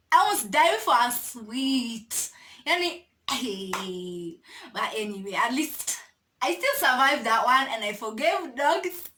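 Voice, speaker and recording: A young Kenyan woman telling a casual storytime to her camera, animated and laughing, dropping Swahili slang into her English. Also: fairly high pitch. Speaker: vlogger.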